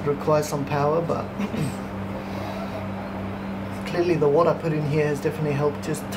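A man's voice: fairly high pitch, little pitch movement, measured pace. A young man talking casually as a host and coach, recorded outdoors a little way from the camera. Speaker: host coaching a guest through an ice bath. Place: outdoor covered backyard patio. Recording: outdoor background noise, distant mic.

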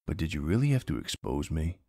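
A man's voice: extremely low pitch, big pitch swings, fairly quick, gravelly, mellow, husky, dry recording, studio quality, heavily acted. A man playing a young streamer boyfriend in a role-play, chatting casually in a playful, teasing, easily flustered and affectionate way. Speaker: roleplay voice actor.

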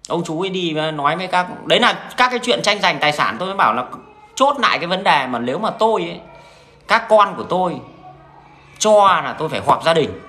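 A man's voice: high-pitched, expressive, fast, pushed and bright, faint music behind. A man with a Northern Vietnamese accent, talking to his viewers in a blunt, crude, rambling monologue full of restarts. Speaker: vlogger addressing viewers.

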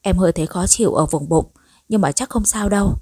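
A woman voicing a gentle pregnant young wife. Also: medium pitch, fast talker, slightly rough, no echo, clean studio sound, natural voice. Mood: weary. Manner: soft, pleading, polite.

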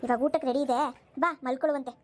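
A protective, worried mother in a cartoon, voiced by a woman pleads and gently scolds. Her voice is very high and quick. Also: fairly even intonation, close to an everyday voice. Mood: pleading.

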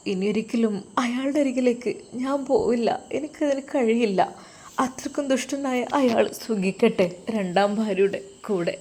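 A woman's voice: a little high, a little mellow, lightly acted. A woman voicing a young mother left alone at night with her baby, speaking in a sorrowful, pleading monologue.

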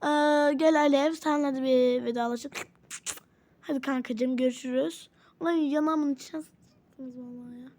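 High-voiced woman role-playing a doll game. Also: fairly even intonation, moderate pace, mellow, slight background noise. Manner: switches between characters, exclaims often. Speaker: channel host playing all characters.

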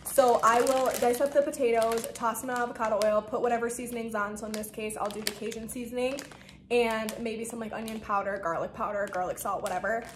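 A woman's voice: a little high, fairly even intonation, brisk. A young woman chatting casually through her meal prep, rambling with lots of fillers and a bit out of breath. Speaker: vlogger. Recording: echoey room with faint noise.

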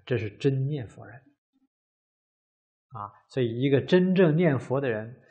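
A man giving a measured Buddhist dharma lecture, drawing out his phrases and filling pauses with many drawn "ah" sounds. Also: mid-range voice, animated, dark tone, slightly rough, lo-fi sound.

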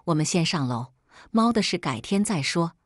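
A woman's voice: on the low side, animated, normal speed, no echo. A woman narrator voicing a cold, aloof young man in a scripted audio story, in a clipped delivery close to her own voice. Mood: gentle.

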